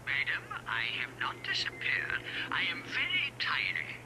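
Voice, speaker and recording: An actor voicing a cute, impishly smug tiny germ, a transformed wizard, in a small breathy voice in an animated film. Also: male voice, a little high, measured pace, in a whisper, full character voice, low-quality recording.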